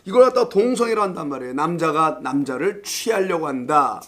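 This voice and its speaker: A man's voice: on the high side, lively intonation, fairly quick, fairly bright tone. A male pastor teaching a Bible study class, playful, quizzing his listeners and laughing often. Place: church classroom.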